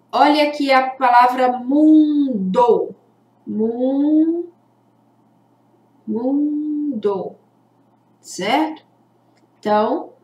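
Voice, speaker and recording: A woman teacher giving a children's literacy lesson, drawing out syllables slowly and deliberately. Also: on the high side, darkish tone. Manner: slow, deliberate, stretches out syllables for young learners. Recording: echoey room.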